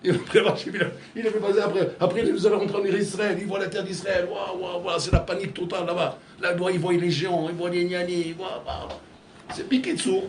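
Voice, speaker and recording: Speaking briskly in a fairly high voice, this rabbi gives a lively sermon, acting out dialogue as he tells stories and shifting from loud to hushed. The echoey room carries faint ambience, and there's a little hiss or hum.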